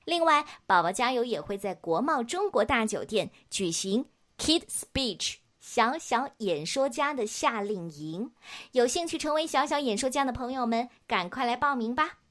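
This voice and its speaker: A woman's voice: fairly high pitch, animated, normal speed, fairly bright tone. A woman narrating a children's story in a playful, sing-song storyteller's manner.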